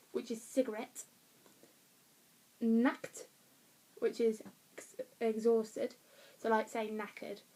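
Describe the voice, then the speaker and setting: Woman, slightly high voice, rambling home vlog chat full of ums and restarts. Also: darkish tone, poor audio. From Essex, England. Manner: rambling, many fillers and restarts, laughs at herself. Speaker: vlogger reviewing a play. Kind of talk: casual chatty review. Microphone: phone or webcam.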